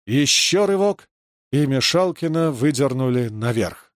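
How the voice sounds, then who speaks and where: A man narrating a dark rural adventure story, reading scripted prose steadily. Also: medium pitch, animated, a little slow, no room sound, clean studio sound. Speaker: audiobook narrator.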